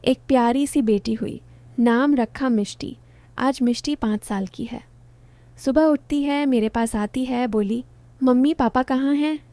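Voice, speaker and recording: A woman narrating a first-person romantic story in short, gentle sentences. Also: fairly high pitch, a little slow, dry recording.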